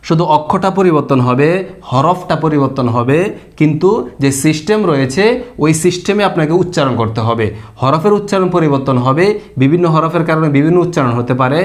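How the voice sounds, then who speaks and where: A man's voice: fairly high pitch, fairly quick. A man teaching a recorded pronunciation lesson for Quran reading, patiently drilling syllables over and over and answering his own questions. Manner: asks questions and answers them himself.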